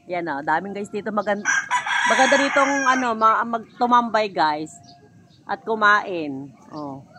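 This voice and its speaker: A woman's voice: medium pitch, animated, slow pace, pauses often, heavy background noise. A middle-aged woman with a Filipino accent, chatting casually to viewers while filming a rural yard on her phone, laughing often. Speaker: vlogger. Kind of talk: casual vlog walkthrough.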